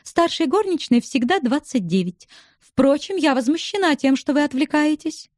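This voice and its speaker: A woman putting on a high teasing young widow. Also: lively intonation, moderate pace, darkish tone, no room sound, clean studio sound. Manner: coquettish, bantering.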